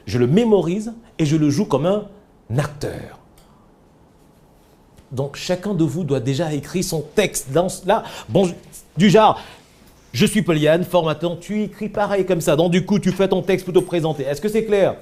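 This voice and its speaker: A man's voice: high-pitched, animated, a little slow, dark tone. A man coaching trainees in public speaking during a live workshop, giving directions and demonstrating lines himself.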